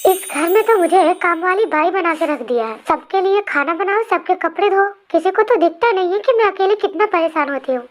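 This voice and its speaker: A woman's voice: extremely high pitch, lively intonation, fairly quick, few pauses, soft background music. A woman voicing an overworked sister-in-law who complains and scolds the family, in a fan storybook reading. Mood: complaining. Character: nagging sister-in-law, busy homemaker.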